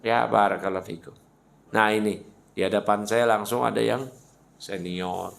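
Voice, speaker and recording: Gravelly male religious teacher, chatty. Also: on the low side, steady tone, normal speed. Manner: conversational and teasing, addressing listeners as "Pak"; mixes Arabic recitation into Indonesian speech. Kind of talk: mosque study lecture.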